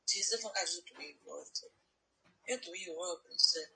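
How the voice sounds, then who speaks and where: A thoughtful podcast co-host heard over a telephone line. The voice is very husky and breathy, with plenty of creak and a bright, tense edge. The talk is casual and analytical, working through opinions aloud. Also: mid-range voice, fast. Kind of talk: casual conversational discussion of a comic. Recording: recorded over a phone call.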